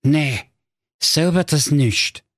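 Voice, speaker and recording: A man's voice: drawn-out words, fairly bright tone, dry recording, studio quality. A man voicing a panicky, whiny young prince in a comic fairy tale. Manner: shrill, frantic, whining.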